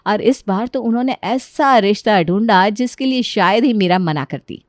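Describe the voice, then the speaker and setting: A woman's voice: mid-range voice, lively intonation, normal speed, dry recording, studio quality. A woman narrating a cartoon story in a chatty, scripted style, talking straight to the listener. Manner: chatty, addresses listener directly.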